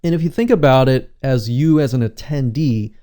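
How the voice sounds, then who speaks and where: A man coaching on webinars in a relaxed, conversational teaching tone, often repeating his points and asking rhetorical questions. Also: mid-range voice, moderate pace, clear, resonant tone. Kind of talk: instructional talk.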